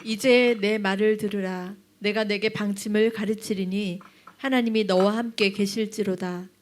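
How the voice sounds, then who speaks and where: Woman slowly reciting scripture. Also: medium pitch, steady tone.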